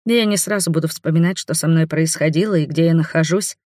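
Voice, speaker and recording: A young adult woman narrating a first-person audiobook in an even storytelling manner. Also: low-pitched, a little fast, dry recording, studio quality.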